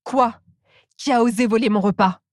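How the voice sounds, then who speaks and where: Gruff greedy storybook tiger, as a woman reads it. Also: a little high, moderate pace, darkish tone, no room sound, studio quality, lightly acted. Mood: furious. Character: greedy, hot-tempered tiger who roars. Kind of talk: children's storybook reading.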